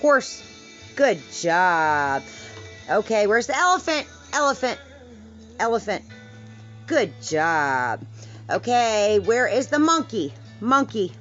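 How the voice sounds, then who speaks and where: Slow sing-song woman praising a toddler. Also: mid-range voice, big pitch swings, soft background music. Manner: sing-song, warmly praising, repetitive prompts. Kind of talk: slow toddler picture-book quiz. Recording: dull lo-fi home recording.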